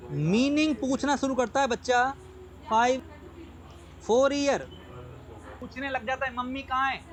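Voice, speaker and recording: A man lectures in a high, unhurried voice. He drills each point by repeating it and keeps checking that his students follow, slipping English terms into his speech. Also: low-quality recording. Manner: repetitive, drilling, checks understanding often. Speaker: teacher. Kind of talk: online lecture.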